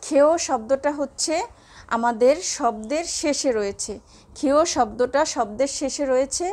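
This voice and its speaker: A woman Bengali teacher giving a pronunciation lesson, speaking slowly and repeating each example for her students. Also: sits high, darkish tone.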